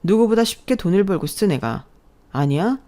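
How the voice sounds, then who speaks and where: A woman's voice: medium pitch, lively intonation, normal speed, warm tone, close to an everyday voice. A woman voicing an arrogant young man who is being exposed as a fraud, talking in a scornful, defensive way.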